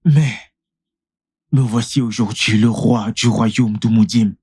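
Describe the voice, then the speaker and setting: A man's voice: lowish voice, steady tone, slow pace, a little mellow, husky, heavily acted. A humble, earnest young king. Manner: earnest, heartfelt. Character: humble young man, newly crowned king. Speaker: newly crowned king.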